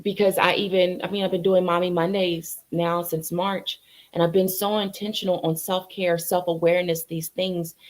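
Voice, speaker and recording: A woman hosting a show for mothers, sharing a personal story in a heartfelt, slightly teary way. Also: on the low side. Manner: emotional, heartfelt, a little teary. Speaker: podcast host. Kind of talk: casual interview chat.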